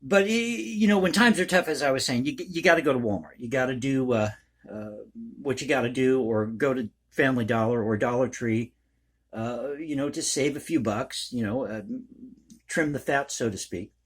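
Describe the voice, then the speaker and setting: A man's voice: medium pitch, moderate pace, husky. A man hosting a casual ad-libbed vlog, talking in a rambling, folksy, conversational way. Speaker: online video host and commentator.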